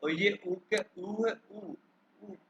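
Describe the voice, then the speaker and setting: A man with a Pakistani accent teaching a German class online, saying the letters slowly and repeating them. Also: a little high. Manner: slow and repetitive, spelling letters out loud. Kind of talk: online language lesson. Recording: dull lo-fi call audio with faint noise.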